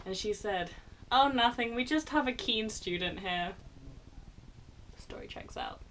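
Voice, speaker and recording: Young adult woman, relaxed self-deprecating vlogger, mid-range voice, recorded a little off-mic. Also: medium pitch, far from the mic, a little hiss or hum, poor audio. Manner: self-mocking, chatty, laughs often. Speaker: YouTuber reacting to her old film. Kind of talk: casual reaction vlog.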